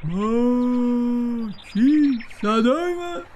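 A woman voicing a gentle, kindly male cow with a slow, apologetic manner. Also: fairly high pitch, animated, slight background noise, lightly acted.

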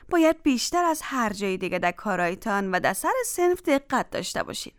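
Woman kids' presenter, Afghan Dari accent, very lively high voice. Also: dry recording, clean studio sound. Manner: instructive, encouraging. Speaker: children's show presenter. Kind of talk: addressing children, teaching.

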